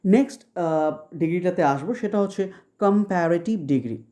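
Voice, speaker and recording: A woman from West Bengal teaches grammar in an online lecture, and her voice is deeply dark and warm. She explains step by step and often stops to ask whether everything is clear. When she reads English examples, she slows almost to a crawl and leans on each word. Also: expressive. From West Bengal, India. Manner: patient, checks understanding with frequent questions; slows down sharply to read English example sentences. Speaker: exam-prep English teacher.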